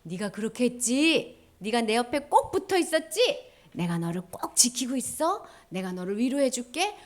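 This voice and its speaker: A woman voicing God as a tender, pleading father figure in a children's sermon, speaking gently and slowly. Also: on the high side, big pitch swings. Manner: gentle, slow, coaxing.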